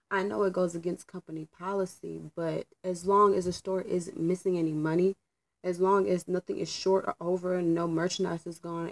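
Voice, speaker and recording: A woman's voice: lowish voice, darkish tone, low-quality recording. Chatty young woman telling a storytime. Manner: candid, chatty, frequent ums and likes. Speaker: vlogger. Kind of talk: casual storytime while doing her hair.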